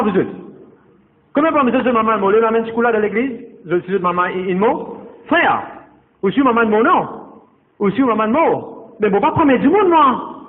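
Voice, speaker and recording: A man pastor preaching a sermon, repeating his phrases and calling straight out to the congregation, with English words mixed into his speech. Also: extremely high pitch. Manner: repetitive, exhorting, addresses the congregation directly. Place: church. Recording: tinny, echoey church hall sound.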